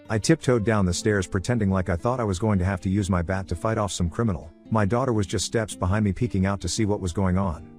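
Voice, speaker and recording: A man's voice: lowish voice, darkish tone. A man reading a scripted first-person story as a narrator.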